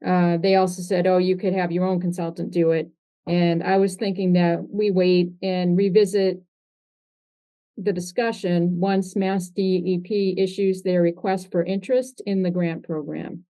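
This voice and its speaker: A woman giving a measured technical report at a town water commission meeting, with frequent fillers. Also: fairly low pitch, dark tone.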